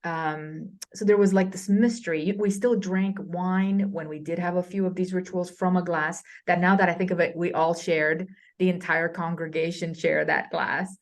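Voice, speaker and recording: A woman from Romania, a scholar who is a guest on a podcast, telling stories in a casual, halting way with many fillers. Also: lowish voice, steady tone. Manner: hesitant, with many fillers and restarts. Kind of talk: conversational storytelling.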